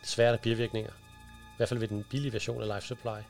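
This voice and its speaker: A man presenting a book and reading a horror excerpt aloud in a steady storytelling way, over background music. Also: medium pitch, gravelly. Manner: steady storytelling narration, speeding up in action.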